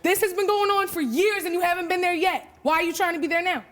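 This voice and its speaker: Woman in her twenties, very high-pitched, blunt, defiant, curt. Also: steady tone, quick pace, a bit bright. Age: 20s. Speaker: guest. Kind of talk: confrontational talk show exchange.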